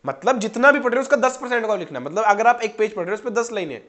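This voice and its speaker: Young male student-tutor, casual direct coaching talk, fairly high-pitched voice. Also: animated, rapid-fire, a bit bright. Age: 20s. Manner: chatty, direct, addresses students as "janab" and "bhai". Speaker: medical student teaching exam prep.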